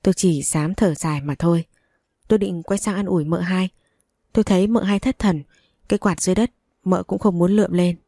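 A woman's voice: on the low side, fairly even intonation, fairly quick, dark tone, no room sound, clean studio sound. Woman reading a story. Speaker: narrator. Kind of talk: first-person audio story reading.

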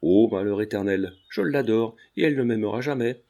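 A man's voice: fairly low pitch, fairly quick, gravelly, dark tone. A man reading an audiobook voices a lovesick young painter with a tender, earnest manner.

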